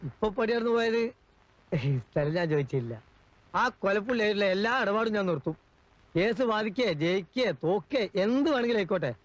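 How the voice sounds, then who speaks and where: An actor playing a talkative, quick-tongued middle-aged male house servant in a 1980s film comedy scene. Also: high-pitched, animated, no room sound. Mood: boastful. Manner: quick-tongued, argumentative, comic. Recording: dull lo-fi film soundtrack.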